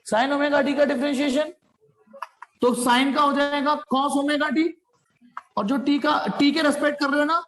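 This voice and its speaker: High-voiced male physics teacher. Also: a bit bright, low-quality recording. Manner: calls students "beta", quizzes them, adds playful sound effects. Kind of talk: live online class.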